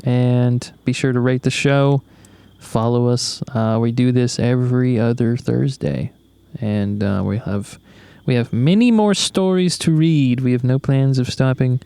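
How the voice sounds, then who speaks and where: A young man with a gravelly, fry-edged voice co-hosts a podcast, drifting through his thoughts in a laid-back, rambling way and swearing freely. He is recorded outdoors in the woods at night, and his voice sits at an ordinary middle pitch. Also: measured pace, warm tone, no room sound. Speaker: podcast co-host. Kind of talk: casual chat.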